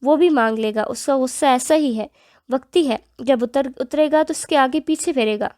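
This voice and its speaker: A woman reading the part of a patient middle-aged mother-in-law in an audio novel, calm and coaxing. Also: high-pitched, lightly acted.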